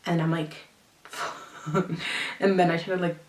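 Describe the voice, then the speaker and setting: A young woman from Canada tells a story in a slangy, lively way and acts out every line of dialogue. Her voice sits a little low for a woman. The sound is roomy and comes from a mic set some way off. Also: unhurried. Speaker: vlogger. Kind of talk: casual storytime. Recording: roomy, from a distance.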